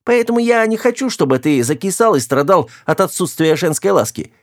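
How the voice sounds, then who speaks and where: A man's voice: high voice, very animated, fairly quick, voice pushed up. A man voicing a capricious, bold young woman in an audiobook, teasing one moment and scolding the next. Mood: frank. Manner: teasing, then sharp and scolding. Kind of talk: audiobook character voice.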